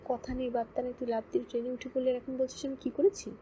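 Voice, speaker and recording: A woman voicing a bossy young man who leads a group trip, barking and scolding in a gruff, loud manner. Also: sits high, level tone, fast, a little hiss or hum, close to an everyday voice.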